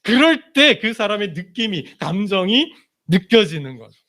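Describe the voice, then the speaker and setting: Man, pastor, high voice; chatty sermon built on rhetorical questions, goes soft and low at the emotional points. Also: sing-song, a little slow. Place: church sanctuary.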